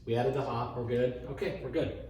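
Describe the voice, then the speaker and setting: Speaking fairly quickly in a mellow, steady, mid-range voice, a man demonstrates a craps betting strategy. Like a table caller, he announces rolls, bets and payouts, muttering tallies and repeating numbers aloud. An echoey room, distant mic, faint noise and clicks are audible.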